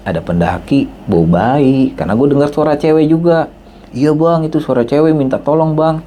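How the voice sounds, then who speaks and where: During a relaxed podcast conversation, a man briskly recounts a story, performing each line of dialogue and raising his pitch for the characters he quotes. His voice is mellow and dark, with a faint hiss in the background.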